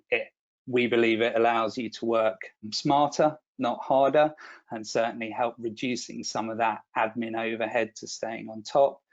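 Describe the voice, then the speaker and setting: A man's voice: mid-range voice, lo-fi sound. A man presenting a product webinar in a chatty, self-deprecating way, often restarting and repeating words.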